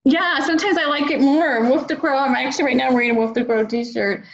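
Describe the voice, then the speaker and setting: A middle-aged American woman, a children's book author, guests on a podcast and talks enthusiastically and at length about her work in a conversational interview. Her voice is high, with a steady tone and brisk pace. The sound is lo-fi.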